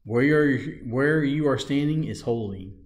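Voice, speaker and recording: A man's voice: mid-range voice, normal speed, close to an everyday voice. A man voicing a stern male commander of an angelic army, in his own plain voice. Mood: firm.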